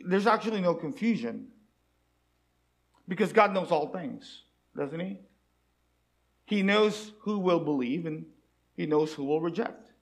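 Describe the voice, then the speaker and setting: High-voiced man preaching a sermon. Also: expressive, unhurried, pauses often. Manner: rhetorical questions to the listeners; earnest, pleading delivery.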